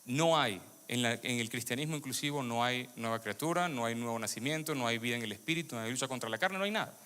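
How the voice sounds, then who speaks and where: A man's voice: mid-range voice, fast talker, bright, forceful tone, clear, resonant tone. A man born in Venezuela giving a sermon testimony to a congregation, questioning the audience and repeating phrases for emphasis. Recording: long hall reverb.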